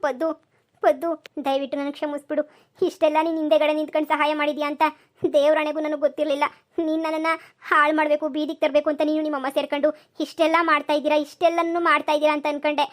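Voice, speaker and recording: A woman's voice: high-pitched, flat delivery, quick pace, natural voice. A woman voicing a remorseful elderly mother-in-law in a cartoon, pleading and blaming herself. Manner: pleading, self-reproaching. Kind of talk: cartoon voice acting.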